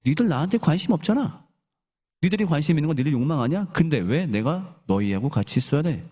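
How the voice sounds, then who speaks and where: A man's voice: on the high side, big pitch swings, quick pace, mellow, husky. A man voicing a stern, exasperated male teacher who rebukes his followers in blunt, casual speech. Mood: cold.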